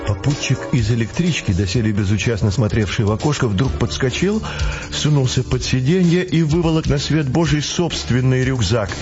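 A man narrating an audiobook with expressive storytelling. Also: medium pitch, moderate pace. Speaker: audiobook reader. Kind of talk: scripted narration. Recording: muffled audiobook recording, faint music.

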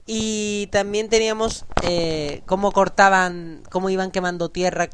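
Man, high voice, casual podcast chat, lively storyteller. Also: unhurried, smooth. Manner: lively storyteller, peppers talk with "¿vale?" and slang. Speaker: podcast co-host.

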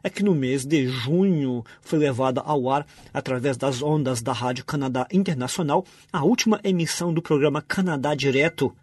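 A man's voice: medium pitch, moderate pace, few pauses, a little mellow, no echo. A man hosting a radio programme, presenting from a script.

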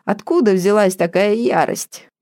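A woman's voice: mid-range voice, a little slow, warm tone, dry recording, natural voice. A woman voicing a stern adult witch in an audiobook, dry and wry.

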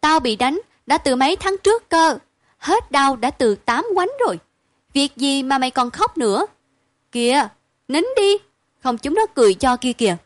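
A woman's voice: a little high, no room sound, lightly acted. A woman reading aloud and voicing a spirited poor village girl, the eldest sister, blunt and caring. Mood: soothing. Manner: brisk, blunt and matter-of-fact.

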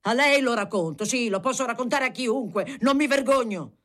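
A reader doing an exasperated, shouting politician. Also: medium pitch, expressive, moderate pace, lightly acted. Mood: angry. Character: irritable, agitated communist deputy, grown man.

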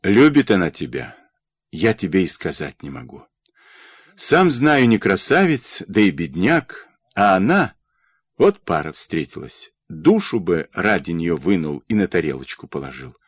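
A man's voice: deep voice, big pitch swings, a little slow, breathy edge, no room sound, exaggerated voice. A man voicing a jovial, boastful young soldier who talks in teasing, folksy banter.

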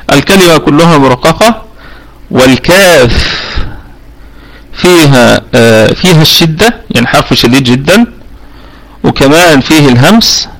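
A man's voice: on the high side, lively intonation, moderate pace, fairly bright tone, poor audio. A man with an Egyptian accent teaching Quran recitation rules in a live online lesson, patiently asking students questions and repeating sounds to demonstrate them. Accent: Egyptian Arabic. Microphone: computer mic for online voice chat.

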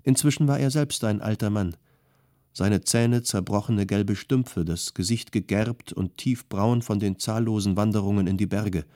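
A man narrating an audiobook in a calm, measured storytelling manner. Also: fairly low pitch, no echo, clean studio sound. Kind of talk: scripted narration.

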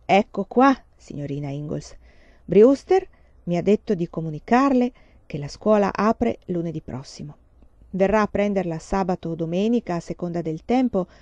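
A woman's voice: fairly low pitch, lively intonation, normal speed, a little mellow, no echo, lo-fi sound, lightly acted. A woman reading aloud voices a polite, formal county school official in a storybook. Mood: cordial.

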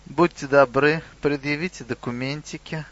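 A man's voice: fairly high pitch, fairly even intonation, moderate pace, fairly bright tone, no echo, lo-fi sound, natural voice. Man playing a smug officious centaur sergeant. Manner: officious, formally polite. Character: young muscular male centaur sergeant, smug petty bureaucrat.

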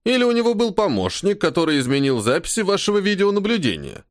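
A man's voice: high voice, sing-song, quick pace, no room sound, clean studio sound, voice pushed up. A man reading an audiobook and voicing a stern, ironic army colonel who scolds his subordinate with weary irritation. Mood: irritated. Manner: sarcastic, commanding, weary sighs. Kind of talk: audiobook character voice.

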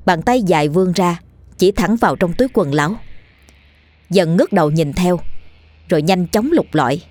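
A woman reading a ghost story in an even, measured way. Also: lowish voice, dry recording. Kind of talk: scripted ghost story narration.

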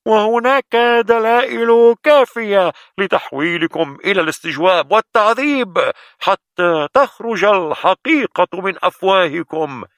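A man's voice: high-pitched, lively intonation, normal speed, fairly bright tone, no room sound, clean studio sound. A man playing a stern official proclaiming charges.

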